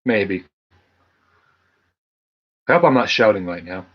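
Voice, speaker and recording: Husky, low-voiced man chatting loosely. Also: lively intonation, slow, lo-fi sound. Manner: rambling, loose, full of fillers and restarts. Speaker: channel host. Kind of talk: casual live Q&A chat.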